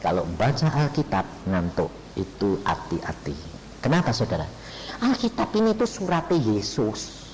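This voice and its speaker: A man's voice: mid-range voice, moderate pace, a little hiss or hum, poor audio. A middle-aged man with a Javanese accent, an evangelist preaching a sermon who tells stories and acts out conversations while addressing his listeners directly. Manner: animated storytelling, acts out dialogues, addresses audience as "saudara".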